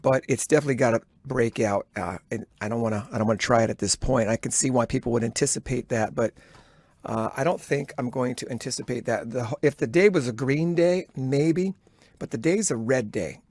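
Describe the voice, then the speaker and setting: In a dry, close space, a man records a trading journal voice-over, thinking aloud as he follows the action in live trade commentary. His mid-pitched voice is a little mellow, and his halting, instructive delivery sounds like he is coaching himself and the viewer at the same time. The recording is dry.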